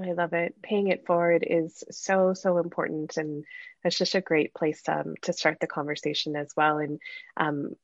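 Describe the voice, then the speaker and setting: Low-voiced woman host, dull dry sound. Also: no echo. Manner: warm, effusive welcomes and praise. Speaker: podcast host. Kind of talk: interview hosting.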